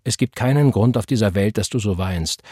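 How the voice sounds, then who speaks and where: A man's voice: on the low side, a little fast, mellow, husky, no room sound, clean studio sound. A man voicing a defiant young woman. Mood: firm. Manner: firm, cold. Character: young woman, defiant daughter leaving home.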